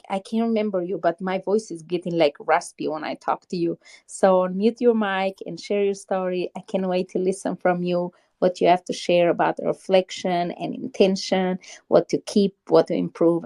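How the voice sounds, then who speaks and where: Over a phone or headset, a woman with a warm, lowish voice speaks at a normal speed while hosting an online audio chat room. Her talk is casual spiritual encouragement, effusive and uplifting, centered on spirituality and intentions.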